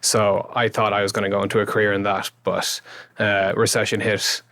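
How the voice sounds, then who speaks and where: A man in his thirties with a west of Ireland accent and a low voice that often drops into fry. He talks informally and loosely, rephrasing as he goes, like a guest in a relaxed interview. The sound is close and dry. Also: fairly quick, no echo. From Galway, west of Ireland. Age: 30s. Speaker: interview guest, YouTube creator and engineer. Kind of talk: casual interview chat.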